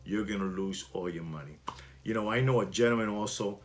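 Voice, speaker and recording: A man in his sixties who hosts a watch channel, talking casually and emphatically to camera from a small room at home, repeating his points with animated gestures. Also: lowish voice, brisk, soft background music.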